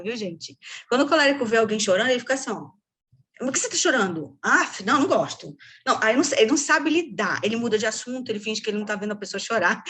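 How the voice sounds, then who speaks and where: A woman coach giving a casual, joking lecture, often checking in with her audience. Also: fairly high pitch. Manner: joking, chatty, frequent "né, gente". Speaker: temperament coach.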